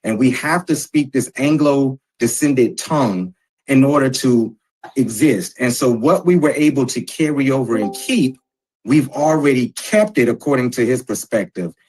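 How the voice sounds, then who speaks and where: A man moderating a casual panel discussion, explaining points in a measured, lecturing way. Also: mid-range voice, lively intonation, a little mellow, breathy edge, rough recording.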